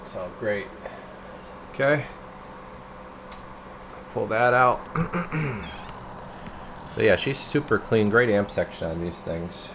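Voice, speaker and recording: A man with a lowish voice takes his time demonstrating a CB radio, pausing often. He's a radio technician narrating casually and unscripted, muttering and thinking aloud as he works, while equipment hums steadily in the noisy room.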